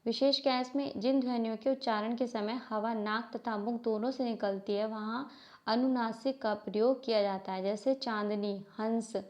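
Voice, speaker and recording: A woman's voice: on the high side, fairly even intonation, normal speed. A woman teaching a grammar lesson, reading definitions, asking questions and answering them herself, and spelling out letters one by one. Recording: dull lo-fi recording.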